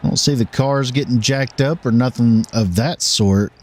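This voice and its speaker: Speaking at medium pitch, a man calls a live race play-by-play with animated delivery, now and then pausing on filler.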